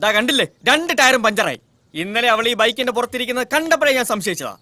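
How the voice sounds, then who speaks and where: An actor playing an excitable, easily frightened boss in a Malayalam film comedy, over background music. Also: male voice, very high voice, fast talker, exaggerated voice. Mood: suspicious. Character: jumpy, easily frightened male boss haunted by ghost fears.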